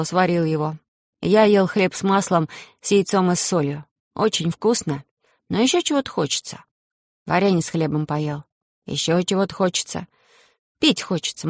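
A narrator reading a children's story aloud, giving the characters their own lines with changes in pitch and pace. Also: no echo, clean studio sound.

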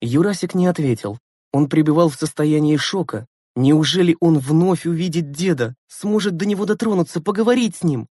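A man narrating a children's audiobook in an even, measured way. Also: fairly high pitch, dry recording, clean studio sound.

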